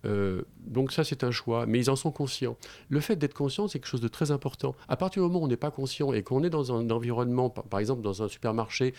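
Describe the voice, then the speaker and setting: A man speaking as a guest in a radio studio, explaining his point with emphasis. He hesitates often and keeps checking that the listener follows. His voice sits at an ordinary middle pitch. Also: fast talker, a little mellow. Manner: explanatory, emphatic, frequent hesitations and "vous voyez". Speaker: sound expert guest.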